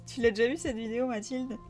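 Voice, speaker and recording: A young French woman hosts a live stream, chatting casually and loosely with viewers. Her voice is a little high and a little mellow, and her speech is full of fillers and restarts.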